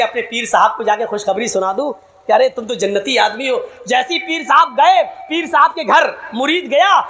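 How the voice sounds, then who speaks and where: Male preacher, sermon with jokes, very high bright voice, acts out anecdote characters, shouts the Arabic quotes.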